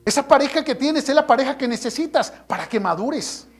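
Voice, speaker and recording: A man's voice: extremely high pitch, animated, a little fast. Emphatic preaching male pastor. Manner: emphatic preaching, rhetorical questions, acts out congregants' voices. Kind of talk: sermon.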